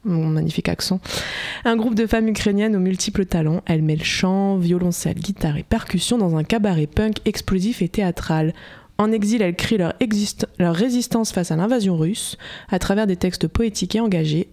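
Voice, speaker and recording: A woman's voice: lowish voice, gravelly, dark tone. A woman presenting local news items on a radio show, reading steadily from a script and correcting her slips.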